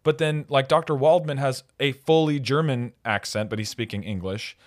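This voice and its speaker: A man's voice: medium pitch, normal speed. A man in a casual film discussion, chatty and full of "like", often quoting others.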